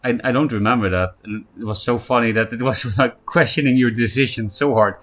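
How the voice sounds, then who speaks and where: A man with a Polish accent and a medium-pitched, slightly bright voice talks casually while streaming a card game live. He addresses viewers by name and slips in quick asides.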